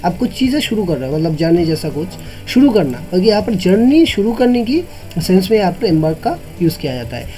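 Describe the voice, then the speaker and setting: A man teaching English vocabulary, explaining each word in Hindi, asking himself what each word means and often clearing his throat. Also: high-pitched, big pitch swings, fast, mellow, soft background music. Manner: repeats "matlab" and asks himself "what does it mean?" before each word.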